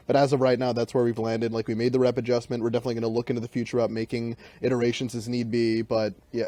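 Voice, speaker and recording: A man's voice: mid-range voice, mellow, no echo. A man on a developer livestream, talking casually and rambling, with lots of fillers and restarts. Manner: fast, rambling, full of fillers like "like".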